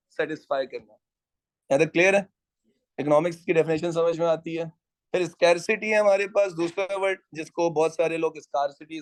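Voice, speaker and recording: A man teaching an economics class, lecturing and quizzing students and teasing latecomers. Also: fairly high pitch.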